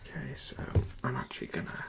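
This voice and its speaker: In a breathy, creaky-edged whisper, a person plays a dentist for ASMR, offering instructions slowly, softly and with some hesitation.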